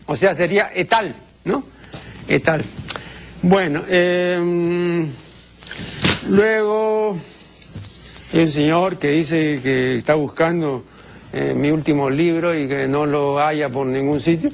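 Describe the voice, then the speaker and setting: A man's voice: a little high, slow pace, vocal fry, slight background noise. An older man, answering viewers' language questions on a TV segment in a strict, pedantic way with many hesitations.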